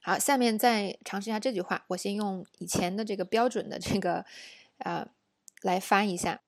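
Woman, pronunciation teacher, gravelly voice, dry close sound, slow repeated examples. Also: mid-range voice, steady tone, dry recording. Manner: explains slowly, models words several times. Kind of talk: audio lesson.

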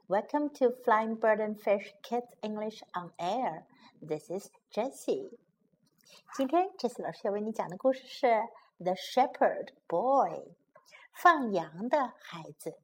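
A woman teacher telling a children's story in a gentle, slow, clearly enunciated reading style, switching between two languages line by line. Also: mid-range voice, animated, slight background noise.

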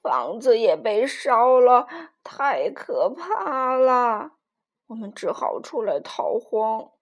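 A woman voicing an old male rooster who speaks slowly and heavily, mourning his lost farm. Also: a little high, very animated, highs cut off. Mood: grieving. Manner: slow, heavy, mournful delivery. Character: old rooster, grieving, weary male elder.

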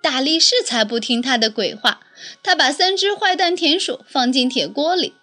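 A woman narrating a children's picture-book story in a lively, expressive way. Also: high voice, moderate pace, faint music behind.

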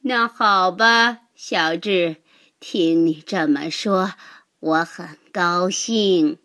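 A woman voicing a tiny, frail-looking old woman in a children's story, shrieking in terror and then scolding slowly. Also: fairly low pitch, fairly bright tone, dry recording, clean studio sound. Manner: shrieking in mock terror, slow stern scolding.

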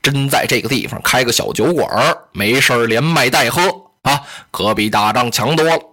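A loud, hot-tempered general barks his questions in a big, slightly husky voice, pitched below the storyteller's own. A man acts him out in Chinese oral storytelling. Blunt and impatient, he never softens. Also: moderate pace. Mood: jovial. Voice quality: booming loud voice. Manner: blunt, impatient, shouting gruffly.

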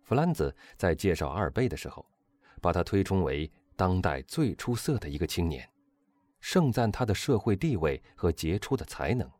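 A man reading a classic novel aloud as audiobook narrator, in smooth storytelling narration. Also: sits low, sing-song, moderate pace, a little mellow, no room sound. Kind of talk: scripted narration.

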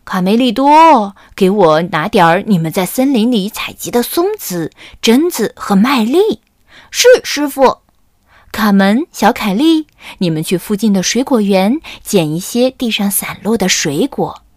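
A woman voicing a wise, kindly camel who talks slowly and calmly in a children's story. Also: mid-range voice, dry recording, studio quality.

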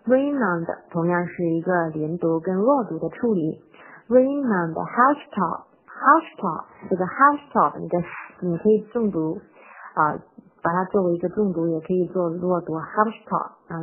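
A woman teaching a recorded phonics lesson on a nursery rhyme, explaining patiently and reading the English lines slowly and clearly. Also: fairly low pitch. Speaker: English teacher for parents and toddlers. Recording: tinny phone-like audio.

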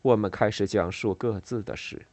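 A man narrating a novel in a measured reading style with expressive, varied intonation. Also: on the low side, no room sound. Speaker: audiobook narrator.

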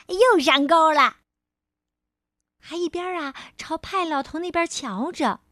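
Casting note: woman storyteller for a children's picture book, high, unhurried and expressive, close and dry. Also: dry recording. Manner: gentle, expressive, lingering on phrases.

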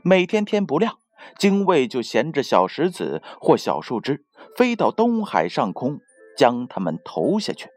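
A woman narrating a myth in scripted storybook style, expressive and swooping in her delivery. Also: very deep voice, measured pace. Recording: dry close studio voice with soft music.

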